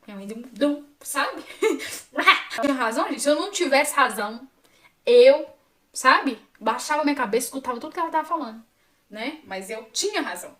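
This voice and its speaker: A young woman from Brazil tells a storytime vlog, chatty and emotional, turning often to her viewers. She talks quickly in a fairly high voice. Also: expressive. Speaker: vlogger.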